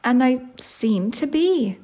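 A polite, innocent little girl played by a woman storyteller. She speaks in a slightly raised, breathy voice with a lilting, fairy-tale storybook delivery. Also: high voice, lively intonation, slow, dark tone, pitched above the performer's own voice, exaggerated voice. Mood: polite, hesitant.

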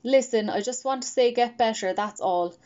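A woman's voice: on the high side, moderate pace, a little mellow, muffled recording, natural voice. A woman reading a former bully schoolboy trying awkwardly to be friendly.

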